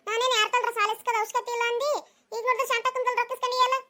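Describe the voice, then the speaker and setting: A woman's voice: extremely high pitch, level tone, rapid-fire, bright, forceful tone. A woman voicing a nosy, teasing village gossip with a North Karnataka Kannada accent. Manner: teasing, prying.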